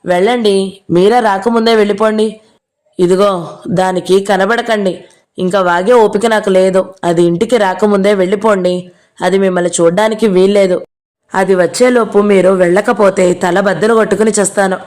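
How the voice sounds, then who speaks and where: A woman's voice: mid-range voice, steady tone, moderate pace, a little mellow, lightly acted. A woman reading the lines of a distraught middle-aged mother who pleads and scolds between sobs, in a storybook reading.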